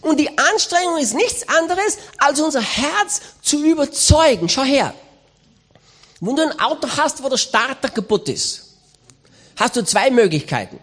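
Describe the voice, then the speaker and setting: A woman's voice: high voice, very animated, measured pace, a bit bright. A woman speaking a sermon as a voice-over, in an emphatic, exhorting way.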